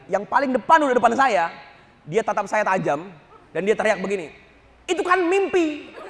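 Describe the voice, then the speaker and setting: A male Islamic preacher giving a humorous lecture, joking and telling stories with animated energy. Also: high voice, in a large hall.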